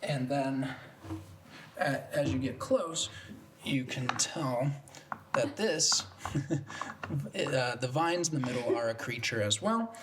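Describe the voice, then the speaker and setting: Male game master, relaxed, roomy room sound, faint hiss. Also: medium pitch, slow pace, long pauses. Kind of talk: narrating a tabletop game. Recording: roomy, distant mic, faint noise.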